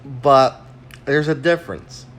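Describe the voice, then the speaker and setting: A man's voice: medium pitch, takes it slowly, a bit bright, slight background noise. A man ranting crudely and rambling with lots of fillers in a casual livestream, talking into a phone while eating. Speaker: vlogger.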